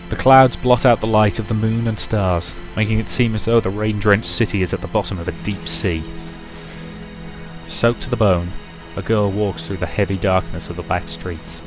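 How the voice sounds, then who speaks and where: Male Let's Play reader: dramatic, measured visual novel narration, lower register, clear musical backing. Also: steady tone, over music, low-quality recording.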